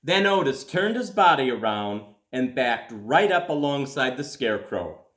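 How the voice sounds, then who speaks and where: With a roomy echo around him, a male school principal gives a very animated reading of a children's story, pausing for drama and drawing out words. His voice sits in the mid-range with a slightly bright tone.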